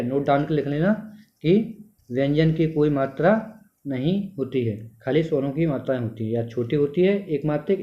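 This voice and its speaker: A male teacher giving a classroom lecture, asking the class questions and then answering them himself. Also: a little high. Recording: dull lo-fi sound.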